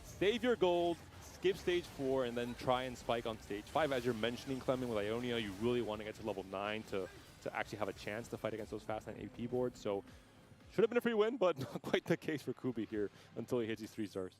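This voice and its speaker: A man doing live esports commentary, calmly explaining strategy as he analyzes the matches. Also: mid-range voice, brisk. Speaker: esports caster.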